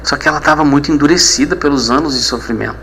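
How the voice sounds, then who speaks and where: Man in his 30s, pastor, emotional testimony, higher bright voice, faint room noise. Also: quick pace, rough recording. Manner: emotional, repeats himself, many filler "né". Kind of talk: personal testimony.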